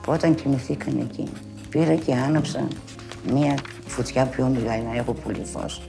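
Over music, a woman with a very deep, gravelly voice tells a story from when she was young. Now older, she acts out what everyone said in a lively way, peppering it with "she says."

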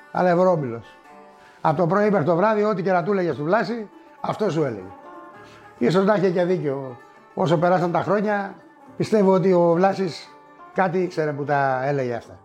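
A middle-aged man reminisces in a wry, unhurried way, sprinkling his tale with asides. His voice sits a little higher than most men's. Faint music hums behind him. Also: darkish tone. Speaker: storyteller. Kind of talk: spoken reminiscence.

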